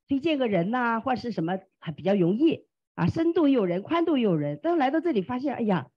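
Woman team leader, motivational testimony, husky and animated, dull lo-fi recording. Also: medium pitch. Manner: animated, exclamatory, acts out quoted dialogue. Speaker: team leader sharing experience. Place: classroom.

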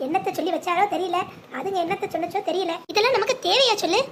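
A scheming middle-aged cartoon woman frets and mutters to herself, as a woman puts her on. The voice sits very high and runs quick, with a fretful, plotting edge. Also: slight background noise. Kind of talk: animated family drama voicing.

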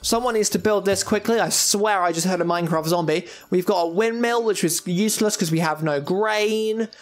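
A man's voice: high voice, moderate pace. A young man giving casual, chatty let's-play commentary, thinking aloud as he plays with jokey asides. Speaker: gaming YouTuber.

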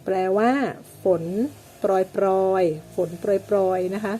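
A woman teaching English weather words, explaining each one slowly and patiently, with many polite particles. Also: medium pitch, warm tone, slight background noise. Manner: slow, drawn-out explanations with frequent polite particles. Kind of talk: English vocabulary lesson.

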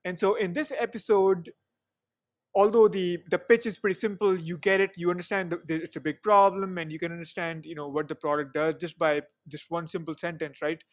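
With a high voice, a level tone, and a slightly fast pace, a young man whose first language isn't English hosts a casual interview podcast. He's on a video call from a small room at home, wearing a headset mic, chatty and full of "you know" fillers.

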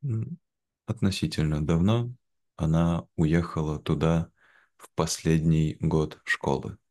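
A young adult language teacher from Veliky Novgorod, Russia, appears as an interview guest over a video call from an indoor room, wearing headphones. His extremely low, warm voice moves at a slow, measured pace with fairly even intonation, and his phrasing is simple and clear, suited to language learners.

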